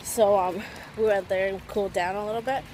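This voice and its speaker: A woman's voice: medium pitch, fairly even intonation, brisk, darkish tone. Chatty young woman vlogging on her phone. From Canada. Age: young adult. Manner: chatty, rambling with many fillers. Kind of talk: casual vlog chat. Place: outdoors in parking lots and streets, later a home kitchen. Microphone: phone held at arm's length. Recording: phone audio with clear street noise.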